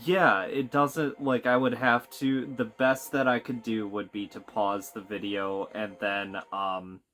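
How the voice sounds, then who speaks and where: A man's voice: lowish voice, level tone, unhurried, fairly bright tone. A man streaming a video game, talking casually with a friend in a rambling, hesitant way full of "like". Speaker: gameplay streamer. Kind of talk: casual let's-play chat. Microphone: phone recording.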